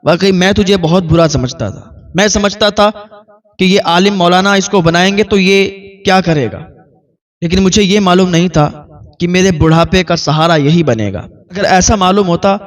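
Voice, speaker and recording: A man's voice: sits high, recorded from a distance, close to an everyday voice. A man voicing a remorseful elderly father in a sermon story. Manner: tearful, remorseful.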